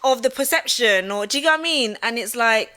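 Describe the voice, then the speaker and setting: This young woman from Central West Africa talks with a bright, sharp tone. She argues a point in a relaxed debate, full of fillers and checks like "you get me." Her pace jumps between quick bursts and slow, weighed phrases. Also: on the high side. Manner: animated, many fillers, often asks "do you get what I mean". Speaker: channel host. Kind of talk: casual debate conversation.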